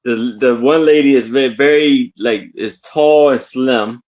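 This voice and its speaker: A man's voice: mid-range voice, measured pace, darkish tone. A man chatting casually on a live stream, hesitant and often restarting his sentences.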